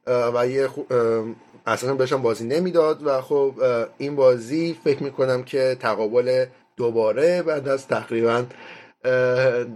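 A man's voice: mid-range voice, darkish tone. Guy doing football chat, lots of umms, midrange voice. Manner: hesitant, many filler sounds, restarts. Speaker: football pundit. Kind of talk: casual podcast analysis.

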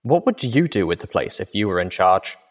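An earnest little mare, as a male reader voices her, pitched higher than his narration and full of questions. She pushes curiously for answers. A storybook heroine. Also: very animated, normal speed. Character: small young mare wanderer, earnest and curious.

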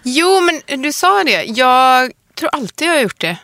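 A woman's voice: high-pitched, big pitch swings, pushed and bright, dry recording. A woman in her forties with a Borås Västergötland accent, a podcast guest chatting casually, self-mocking and often laughing. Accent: Borås Västergötland Swedish. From Sweden, Västergötland. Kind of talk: casual chat.

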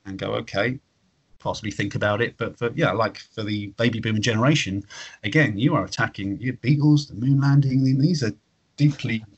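A man's voice: lowish voice, fairly quick, husky, muffled recording. A man in his late thirties explaining his views in a casual, matey, rambling conversational way. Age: late 30s. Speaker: interview guest, flat earth believer.

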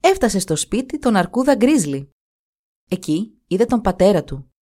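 A woman storyteller reading a folk tale aloud in an expressive storybook style. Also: mid-range voice.

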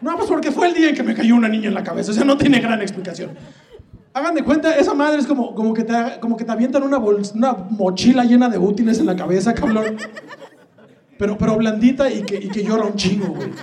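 High-voiced Mexican stand-up comic. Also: male voice, fast talker, darkish tone. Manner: crude, rambling, lots of slang and swearing. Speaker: stand-up comedian. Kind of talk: stand-up comedy routine. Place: comedy club stage. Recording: echoey live venue with audience.

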